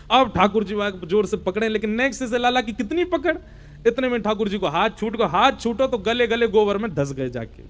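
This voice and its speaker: A man preaching a devotional sermon, telling a story animatedly with rustic dialect words. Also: high-pitched. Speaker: katha preacher.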